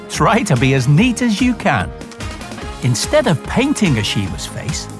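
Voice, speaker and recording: A man with a slightly high voice hosts a children's storytime, narrating from a script. He talks directly to young viewers, asking them questions and giving simple instructions.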